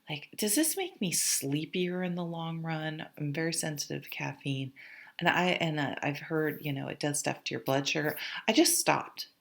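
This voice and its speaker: A woman's voice: low voice, vocal fry, fairly bright tone. A woman giving a casual, conversational tarot horoscope reading, rambling informally with offhand asides. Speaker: tarot reader, channel host.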